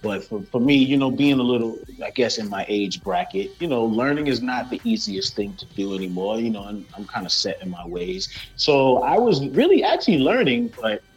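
A man's voice: medium pitch, moderate pace, hardly any pauses, faint music behind, low-quality recording. A middle-aged man with a slight lisp, a basketball coach chatting casually as a guest and acting out quoted voices as he tells stories. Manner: animated storyteller, acts out quotes, many restarts. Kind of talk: casual chat.

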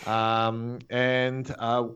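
A man's voice: mid-range voice, completely flat delivery, very slow, fairly bright tone, clear, resonant tone, lo-fi sound. A man in his forties from Poland with a strong Polish accent, a guest chatting easily in an interview and laughing often. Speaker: guest photographer. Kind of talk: casual interview chat.

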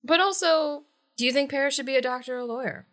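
A woman co-hosting a podcast in casual chat, animated and teasing, laughing often. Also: sits high, fast talker. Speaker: podcast co-host.

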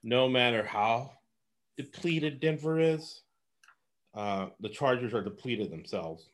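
A man's voice: mid-range voice, expressive, slow pace. A man from Los Angeles giving casual sports betting picks, rambling and laughing often.

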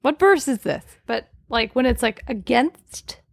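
Woman, podcast co-host, casual chat, dry close mic, slightly high pitch. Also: expressive, measured pace, creaky, no echo. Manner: laughing, teasing, conversational.

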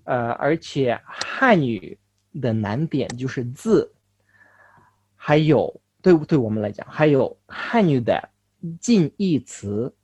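A young man from Russia, a native Russian speaker, talks casually as an interview guest in foreign-accented Mandarin, halting and correcting himself. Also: medium pitch, very animated, darkish tone, husky, dry recording. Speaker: interview guest, language learner.

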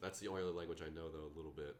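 A young man with a notably low voice hosts a loose podcast chat. He talks in a relaxed, slangy way and laughs easily. A faint hiss sits under the recording. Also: rapid-fire. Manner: laid-back, laughing, slangy. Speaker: podcast host. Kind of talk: casual chat.

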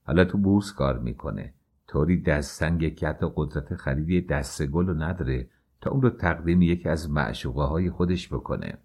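A man with a very low voice reading a worldly man who gossips quietly and with contempt in an audiobook. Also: slightly rough, heavily acted. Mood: hushed.

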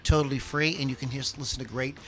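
A man's voice: mid-range voice, steady tone, fast, a bit bright, slight background noise. A man hosting a podcast in an informal, rambling, chatty way with music playing behind him. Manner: informal, rambling, self-deprecating. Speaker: podcast host. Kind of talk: casual podcast chat. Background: background music.

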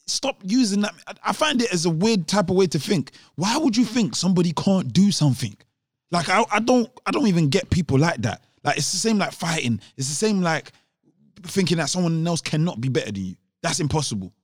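A man's voice: on the high side, big pitch swings, a little fast, no echo, clean studio sound. A young man with a London urban roadman accent, chatting casually on a podcast in a slangy, emphatic, argumentative way. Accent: London urban roadman (Multicultural London English). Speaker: podcast co-host.

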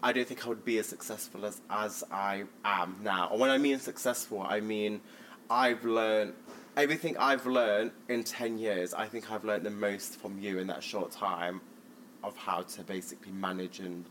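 A man's voice: fairly low pitch, steady tone, normal speed, fairly bright tone. A man co-hosts a podcast, chatting casually and playfully. He tells stories in a loose, jokey way. Faint ambient noise hangs in the background. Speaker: podcast co-host. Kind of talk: casual chat.

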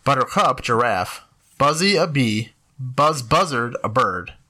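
A man's voice: medium pitch, lively intonation, measured pace, bright, forceful tone. A man co-hosting a casual podcast, rattling off a long list of names between laughs. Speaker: podcast co-host.

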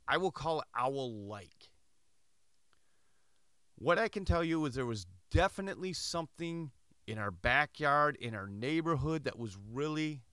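A medium-pitched, clean-toned man from Michigan, middle-aged, hosts a podcast and recounts a story in a relaxed monologue. The studio recording has no echo, and he brings the dialogue to life with animated quoted voices.

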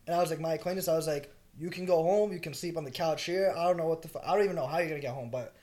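A young man co-hosts a podcast, telling a story in loose, profane, animated chat. His voice sits fairly high for a man. He laughs often and talks over his friend. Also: very fast. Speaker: podcast co-host.

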